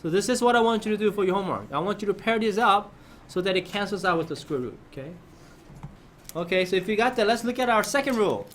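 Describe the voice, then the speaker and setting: A man's voice: sits high, lively intonation, quick pace, a bit bright, a little hiss or hum. A man teaching a math lesson to his class, often prompting students with questions and checking that they follow.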